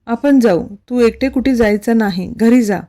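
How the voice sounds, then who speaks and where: A woman's voice: fairly high pitch, unhurried, warm tone, lightly acted. A woman doing a scolding stern husband. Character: stern young husband, strict and irritable.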